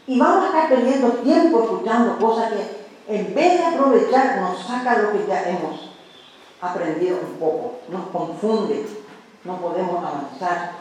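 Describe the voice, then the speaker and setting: A man's voice: high-pitched, a little mellow. A man preaching a sermon to his congregation in an earnest, conversational way, often repeating his words. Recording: very echoey room with faint noise.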